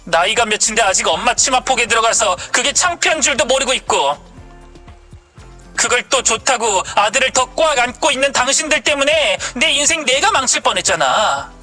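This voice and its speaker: A woman's voice: fairly high pitch, expressive, normal speed, bright, forceful tone, soft background music, voice pushed up. A woman voicing an angry young wife who scolds her husband and mother-in-law sharply. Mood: angry, scolding.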